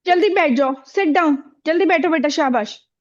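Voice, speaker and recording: A woman's voice: high-pitched, normal speed, muffled recording. A woman teaching a classroom, asking the pupils questions and repeating their answers with encouragement.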